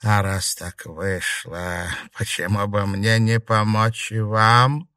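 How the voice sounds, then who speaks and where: A man voicing the ghost of a vengeful dead old woman, speaking slowly with a hiss. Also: fairly low pitch, level tone, bright, forceful tone, smooth, no room sound, clean studio sound. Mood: scheming. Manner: slow, drawn-out, hissing. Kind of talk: audiobook character voice.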